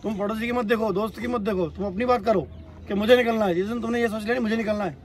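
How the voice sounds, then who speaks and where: A man with a notably high voice addresses his trainees on an outdoor track, scolding them about excuses and responsibility. He keeps asking whether they have got the point, like a stern coach drilling a lesson home. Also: steady tone, quick pace, a little hiss or hum. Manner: scolding, repeatedly asks "got it?". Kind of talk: lecturing trainees.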